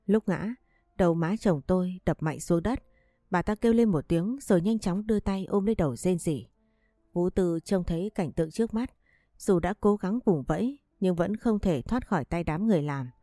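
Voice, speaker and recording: A woman tells a family drama story in an even, steady narrating voice. Her tone sits low and warm, recorded dry and close to the mic. Faint music plays under her. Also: moderate pace, dry recording.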